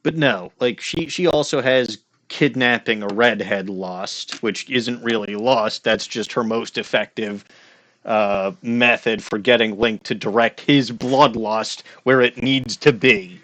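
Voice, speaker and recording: A man's voice: mid-range voice, unhurried, fairly bright tone. A man giving casual, wry, sometimes profane commentary as host of a game playthrough. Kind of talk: casual commentary while reading a game aloud.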